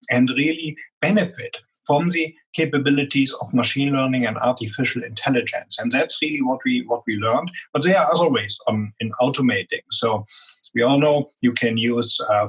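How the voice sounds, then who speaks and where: A husky, slightly bright mid-range voice belongs to a man with a strong German accent, heard in a rough recording. As an executive guest in a business interview, he explains things earnestly with many "um" fillers.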